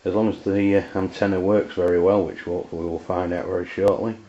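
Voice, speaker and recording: The speaker, an English amateur radio hobbyist, casually reviews a device he has in hand. His voice sits very low, and his delivery is halting, plain and unemotional, captured in muffled-sounding, lo-fi audio.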